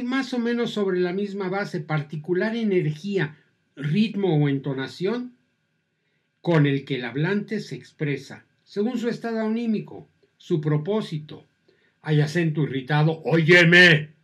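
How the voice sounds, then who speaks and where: Hombre mexicano que explica con calma. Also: male voice, high voice. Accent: Mexican Spanish. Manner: unhurried, conversational, acts out example tones. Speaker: teacher. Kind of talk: explaining to viewers.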